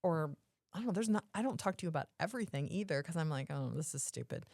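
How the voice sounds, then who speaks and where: A woman's voice: fairly low pitch, lively intonation, very fast, darkish tone, no room sound, clean studio sound. A woman co-hosting a podcast, explaining her points casually and emphatically, often rephrasing them. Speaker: podcast co-host.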